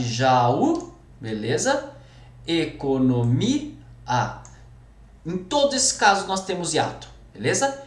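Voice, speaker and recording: Brazilian guy teaching grammar, super lively up-and-down voice, echoey room, keeps going "tá? pessoal?". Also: high-pitched. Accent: Brazilian Portuguese. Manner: chatty and animated, peppers lines with "pessoal" and "tá?". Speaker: Portuguese teacher. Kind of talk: recorded grammar lesson.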